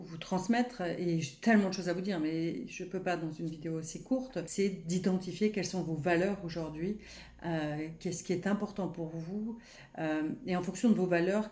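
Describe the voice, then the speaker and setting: A woman speaking French as a personal development coach, guiding listeners gently with many pauses and fillers. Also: on the low side, echoey room. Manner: soft, unhurried, guiding with many fillers and restarts; counts slowly through a breathing exercise. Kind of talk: gentle personal growth video talk.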